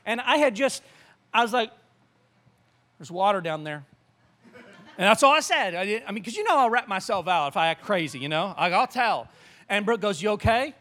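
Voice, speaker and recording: Animated high-voiced male preacher. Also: a little fast. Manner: animated, rambling with repeated restarts. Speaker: pastor. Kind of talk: sermon with storytelling.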